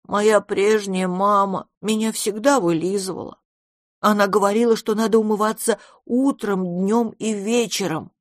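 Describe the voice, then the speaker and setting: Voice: mid-range voice, steady tone, measured pace, no echo, studio quality, voice pushed up, lightly acted. A reader voicing a huge, clingy monster child who talks in a tearful, pleading, childlike way in an audiobook. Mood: sleepy. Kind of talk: audiobook character reading.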